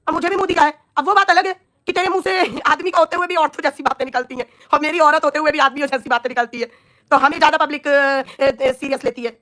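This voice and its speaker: High-voiced woman ranting angrily. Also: fairly bright tone. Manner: scolding, insulting, heated. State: scratchy throat, coughing. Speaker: live-stream vlogger. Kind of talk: angry live-stream rant at viewers.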